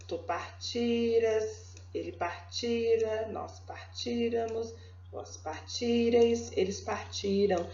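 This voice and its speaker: A Brazilian woman teaching a grammar lesson, drawing out verb conjugations slowly and checking in often with her students. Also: mid-range voice, a little mellow. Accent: Brazilian Portuguese. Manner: slow, drawn-out verb conjugation drills. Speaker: Portuguese language teacher. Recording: echoey room, dull lo-fi sound.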